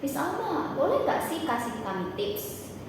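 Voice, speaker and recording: A woman's voice: high-pitched, sing-song, measured pace. A woman interviewer asking polite questions. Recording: distant mic in echoey hall with noise.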